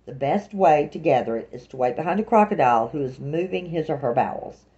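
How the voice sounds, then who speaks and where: A woman's voice: low voice, lively intonation, a little fast, warm tone, highs cut off. A woman reading an earnest, lecturing zealot. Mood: earnest lecture.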